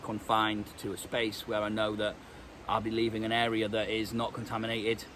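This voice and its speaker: A British man with a stuffy cold vlogs casually from outdoors in woodland, rambling with lots of ums and restarts. His lowish voice is monotone, moderately paced, and a bit bright, with a little hiss or hum in the recording.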